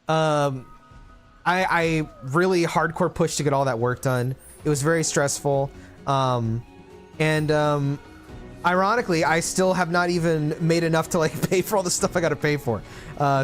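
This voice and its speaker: Late 20s guy streaming, kinda high voice, rambly and thoughtful, music faint behind. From Philippines. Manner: rambling, reflective, many fillers and restarts. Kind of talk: casual livestream chat.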